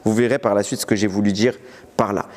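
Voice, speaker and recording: The recorded Torah lesson comes from a rabbi whose voice sits lowish and who talks fast, and the sound has the echo of a big room. Lively throughout, he poses his own questions and supplies the answers.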